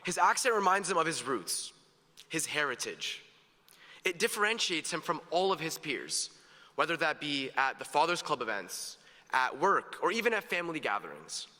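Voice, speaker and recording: Speaking at normal speed in a somewhat high, bright and forceful voice with big pitch swings, a teen student delivers his graduation address. It's sincere and cheerful with jokes, echoing through a big hall with long reverb.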